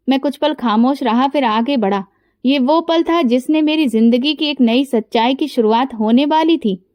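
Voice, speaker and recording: High-voiced woman narrating a sad story. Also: no echo. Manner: steady, emotional storytelling. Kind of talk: scripted first-person story narration.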